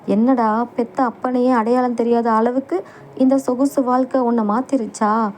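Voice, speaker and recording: A woman's voice: a little high, fairly even intonation, moderate pace, a little mellow, a little hiss or hum, natural voice. A woman voicing a drunken, shabby man of about fifty who taunts his estranged family, in a storybook reading. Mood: sneering. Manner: sneering, taunting.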